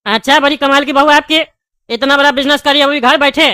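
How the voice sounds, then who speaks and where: A woman's voice: high voice, steady tone, brisk, no echo, clean studio sound. A woman voicing a chatty, joking bald male candy shopkeeper in a cartoon. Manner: joking, chatty, loud calling. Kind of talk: cartoon voice acting.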